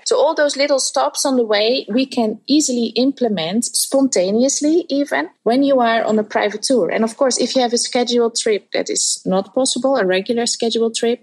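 A woman's voice: medium pitch, a little mellow, rough recording. A woman who runs private tours, answering interview questions in an explanatory, friendly way, with frequent fillers and restarts. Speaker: private tour operator.

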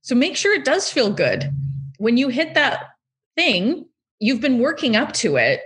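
A bubbly woman talking business on a podcast, her slightly high voice bouncing up and down with excitement. She laughs easily and acts out little imagined quotes as she goes. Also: unhurried. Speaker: podcast co-host, business coach. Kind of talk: casual chat.

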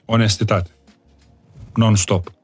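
A man, a guest in a conversational interview, explaining his views calmly and earnestly with everyday examples. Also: lowish voice, slightly rough. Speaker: interview guest, disciple of spiritual masters.

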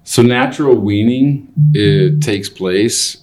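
Slow, low-voiced older man. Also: darkish tone. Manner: deliberate, thinking aloud in pieces. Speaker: interviewer and cattleman. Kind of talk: reflective interview questioning.

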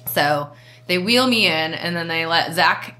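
A woman's voice: lowish voice, a little slow. A young adult woman chatting casually on a podcast, telling her story with lots of "like" and acting out what others said. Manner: animated storyteller who acts out what others said; frequent "like" fillers.

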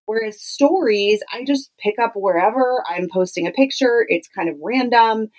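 A woman's voice: fairly high pitch, normal speed, a little mellow, poor audio. A woman hosting a solo podcast, teaching in a conversational, emphatic way and repeating phrases to drive points home. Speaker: podcast host. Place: home clothes closet used as podcast booth.

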